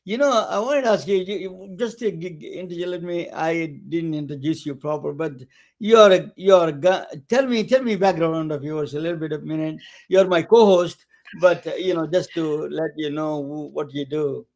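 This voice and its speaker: A man hosting a webcast, introducing guests in a halting way with many restarts and fillers. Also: fairly high pitch. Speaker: webcast host. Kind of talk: casual interview introduction.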